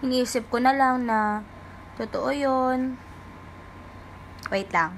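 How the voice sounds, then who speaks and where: A woman's voice: high voice, takes it slowly, a little hiss or hum, poor audio. A young woman from the Philippines chatting politely on a livestream, answering fans and reading out their comments. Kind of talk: casual livestream chat.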